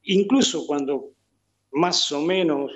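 A man's voice: a little high, slow. A man with an Argentine accent, chatting casually as a guest and rambling through restarts and repeated words. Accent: Argentine Spanish. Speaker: guest, Argentine living in Italy. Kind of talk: casual conversation.

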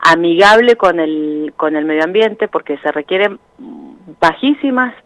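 A woman, a guest explaining things in a radio interview, pausing with fillers. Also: on the low side, lively intonation, a bit bright, no echo. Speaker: guest, communications coordinator.

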